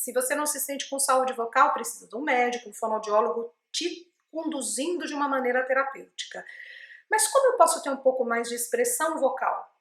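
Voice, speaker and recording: A middle-aged woman with a Brazilian Portuguese accent, a speech therapist who teaches voice to camera in an expressive way and often asks the viewer questions. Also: high-pitched. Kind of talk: instructional video talk to camera. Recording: echoey room.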